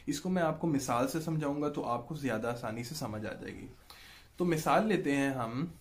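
In his online lesson, a language teacher with a Pakistani Urdu accent explains things slowly and patiently at an ordinary middle pitch. He draws out example sounds and keeps pausing with "ठीक है जी" to confirm the listener is keeping up.

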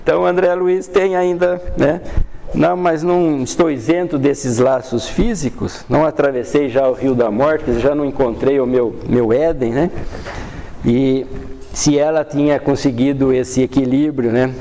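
An older man with a Brazilian Portuguese accent teaches a study group. He reads passages from a spiritist book aloud, then explains them calmly, often adding "né". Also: medium pitch, a little slow, a little hiss or hum. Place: dim classroom with a projector screen.

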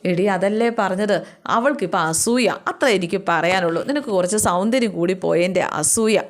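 A woman's voice: mid-range voice, fairly quick, close to an everyday voice. A woman doing a fond old grandmother. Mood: coaxing.

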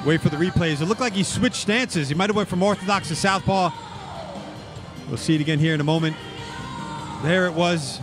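High-ish male fight analyst commentating live. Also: fairly quick, pauses often, music in the background.

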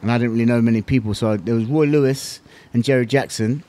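A middle-aged man from southern England, a former kickboxing champion with a mid-range voice, is a guest in a casual storytelling interview. He talks very quickly and animatedly, full of street slang and swearing, acting out remembered exchanges.

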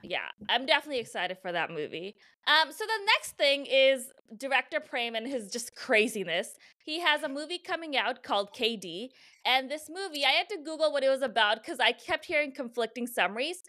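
A young woman raised overseas co-hosts a casual podcast, laughing easily and jumping in with quick reactions. Her voice sits high with a sharp, bright edge. She chats loosely and playfully. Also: very animated. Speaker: podcast co-host. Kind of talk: casual chat.

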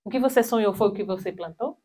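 A woman in her thirties giving a spiritual talk with personal stories on a handheld mic in a small hall, animated and acting out quoted voices. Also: mid-range voice, fast talker.

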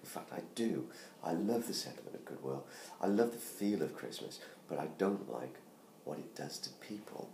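Hoarse from laryngitis, a middle-aged man from the United Kingdom chats casually about his book in a self-made promo, seated at home by a Christmas tree. His dark, low-pitched voice swings widely in pitch at a moderate pace with hardly any pauses, though he still ums and restarts often. The close tablet-camera audio is roomy with faint noise.

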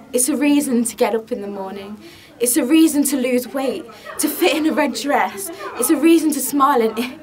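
A woman reads a mother convinced fame is finally coming, pushing each line with animated insistence. Her voice sits high, and other people's chatter runs behind the take. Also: close to an everyday voice. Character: excited middle-aged mother dreaming of fame. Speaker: auditioning actress. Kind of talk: audition reading.

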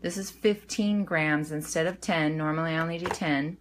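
Standing at her home kitchen counter, a middle-aged weight-loss vlogger casually walks through her packed meals, rambling with fillers and correcting herself. Her voice is deep at normal speed, with slight background noise.

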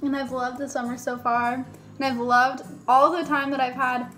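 Speaking at a normal pace in a high, level, fairly bright voice, a young woman vlogs casually to her audience and leans heavily on the filler "like." The YouTuber is in a small indoor bedroom, holding her phone at arm's length, with background music audible.

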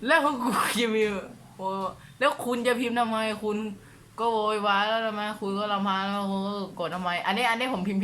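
A man's voice: high voice, bright, forceful tone, slight background noise. A man from Thailand hosting a live stream, reading viewer comments aloud with teasing, slangy banter. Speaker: host.

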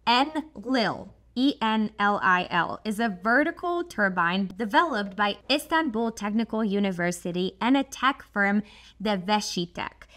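Speaking at a measured pace with a medium-pitched voice, this chatty woman from Poland, a native Polish speaker, hosts a solar energy channel. She explains things to camera in an expressive way, with frequent asides and "like," in a dim studio lined with a shelf of glowing props.

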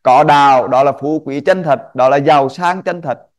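Vietnamese man giving a Dharma talk. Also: medium pitch. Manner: repeats rhetorical questions, lists points slowly. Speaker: Buddhist Dharma sharer. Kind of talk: Dharma talk to an online group.

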